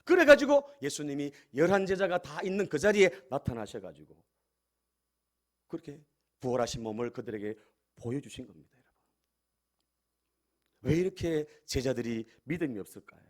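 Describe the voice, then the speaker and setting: Male pastor, sermon, lively swinging delivery, slightly high voice, rhetorical questions to the congregation. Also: moderate pace, pauses often. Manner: addresses the congregation often, asks rhetorical questions.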